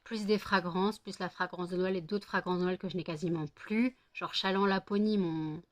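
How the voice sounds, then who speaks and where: A woman's voice: on the low side, fairly even intonation, normal speed. Chatty French woman cooing at her dogs. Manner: cooing pet talk, then rambling chatty explanations with many fillers. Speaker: vlogger and home candle maker. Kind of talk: casual chat to camera and baby talk to her dogs. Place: at home, in bed with her dogs.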